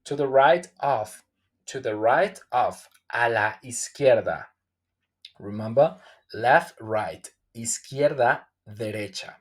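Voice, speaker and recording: A man's voice: mid-range voice, expressive, slow pace. A man teaching a language lesson who repeats each phrase several times, checks in with "okay?", and makes small grammar slips in English. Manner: speaks English with non-native grammar slips. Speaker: Spanish teacher.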